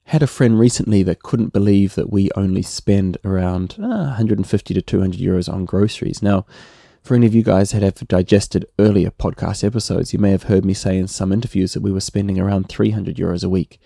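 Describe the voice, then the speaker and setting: A middle-aged man with a New Zealand accent, hosting a relaxed solo podcast and often tagging his points with "right?". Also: sits low, brisk, vocal fry, dry recording, clean studio sound. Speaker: podcast host.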